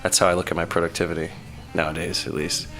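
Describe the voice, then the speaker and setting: A man's voice: low voice, level tone, fast talker, a bit bright, faint music behind. A man chatting on a radio studio podcast, rambling and poking fun at himself. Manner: rambling, self-mocking. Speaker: podcast co-host. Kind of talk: casual chat.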